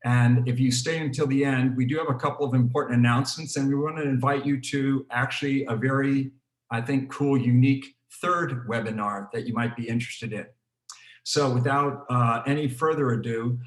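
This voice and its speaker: A man, a program director, hosts an online student panel in a relaxed way, with many fillers and restarts. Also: medium pitch. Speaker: program director hosting a webinar. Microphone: video call. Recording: roomy, echoey video call.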